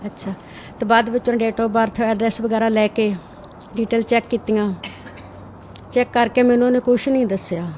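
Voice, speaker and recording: A woman's voice: fairly high pitch, flat delivery, moderate pace, darkish tone, a little hiss or hum. A middle-aged woman earnestly recounting a roadside incident in an interview. She keeps adding short "right?" tags.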